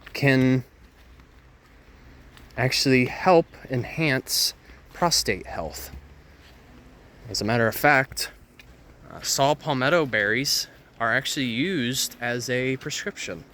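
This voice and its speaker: Leading an educational walk-and-talk outdoors in a Florida hammock woodland, a male nature guide explains the plants in a chatty manner. His voice is medium in pitch and fairly bright, and he keeps amusing himself with asides and puns at his own expense.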